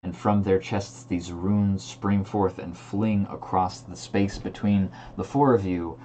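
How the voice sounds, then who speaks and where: A man's voice: low voice, steady tone, slow, mellow, a little hiss or hum, rough recording. A man working as game master, narrating a fantasy tabletop game in an improvised, descriptive way.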